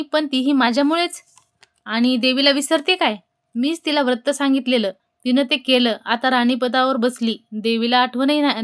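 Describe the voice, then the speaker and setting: A woman's voice: a little high, lightly acted. A woman voicing a goddess disguised as a poor old beggar woman, speaking in an indignant, scolding way in a devotional tale.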